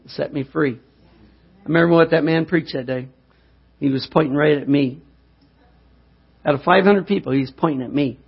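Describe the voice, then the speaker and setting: A man's voice: a little high, vocal fry, husky. A middle-aged man preaching a sermon, telling a homespun story and building to fervent exhortation. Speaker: pastor. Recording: dull lo-fi sound.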